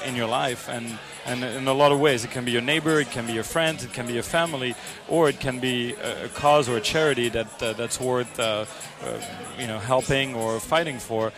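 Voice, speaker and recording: A man with a French accent talks earnestly as a guest on an interview show, his sentences full of ums and restarts. His pitch sits mid-range for a man. Music plays clearly behind him throughout. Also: steady tone, a little fast, few pauses. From south of France. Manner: earnest, many fillers and restarts. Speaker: guest, charity supporter and restaurant owner. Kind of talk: conversational interview. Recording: music playing underneath.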